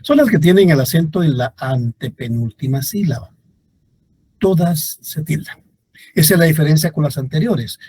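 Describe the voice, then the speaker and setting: A male teacher giving a classroom grammar lecture, reading out example words slowly and deliberately and speaking directly to his students. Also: fairly high pitch, lively intonation, mellow, breathy edge.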